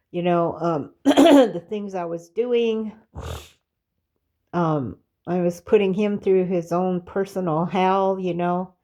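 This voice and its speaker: A middle-aged woman telling her personal life story in a candid, confessional way, halting often with fillers and restarts. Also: medium pitch, dark tone. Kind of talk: personal testimony, casual storytelling.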